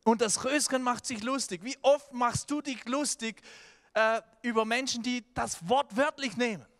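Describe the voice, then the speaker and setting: A man's voice: very high voice, normal speed. A man preaching a sermon in a church, telling stories animatedly with restarts and filler sounds. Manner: animated storytelling with acted-out quotes. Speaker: pastor.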